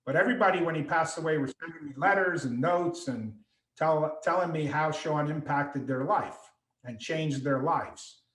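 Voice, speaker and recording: Animated storytelling man, echoey room. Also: a little high, normal speed. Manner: animated storyteller, acts out quoted voices. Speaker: author and speaker. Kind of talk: storytelling on a video call. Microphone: video call.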